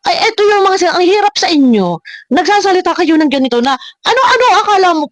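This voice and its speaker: A woman's voice: very high voice, sing-song, fast talker, no room sound. A woman hosting a reaction video, talking straight to her critics in a confrontational rant full of repeated words and rhetorical questions. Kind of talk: ranting reaction commentary.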